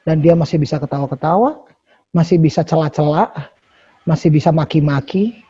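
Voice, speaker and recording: Brief: man hosting, husky higher voice, dark and muffled sound, emphatic and animated. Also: moderate pace. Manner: animated, probing questions, emphatic repetition. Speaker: host.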